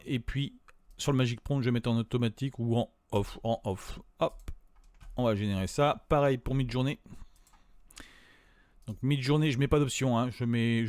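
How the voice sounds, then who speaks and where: A man's voice: medium pitch, darkish tone, no room sound, clean studio sound. A man giving a casual screen-recorded tutorial, talking to viewers in a chatty, hesitant way. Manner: hesitant, many fillers and restarts; chatty, addresses viewers directly. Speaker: tutorial presenter.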